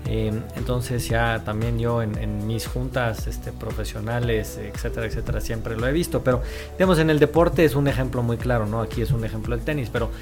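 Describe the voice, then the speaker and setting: A man's voice: medium pitch, fairly quick, music in the background. Man from Israel telling stories. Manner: animated storytelling with many fillers. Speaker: guest author. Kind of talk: casual interview talk.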